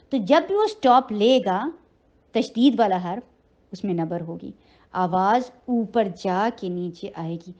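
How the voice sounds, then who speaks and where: A woman teaching Quran recitation, slowly drawing out the verses between patient, encouraging explanations. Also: mid-range voice, lo-fi sound. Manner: slow drawn-out recitation between patient spoken instructions; gentle, encouraging. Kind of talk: tajweed lesson, recitation with explanation.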